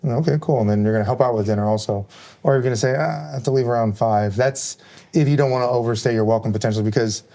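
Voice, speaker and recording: A man's voice: mid-range voice, fast, mellow. A man on a firefighter panel, chatting casually and rambling with lots of fillers. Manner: rambling, many fillers like "kinda" and "like".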